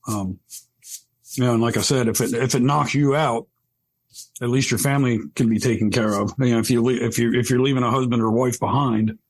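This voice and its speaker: Earnest veteran podcast co-host. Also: male voice, mid-range voice, fairly even intonation, a little fast. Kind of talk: casual podcast chat.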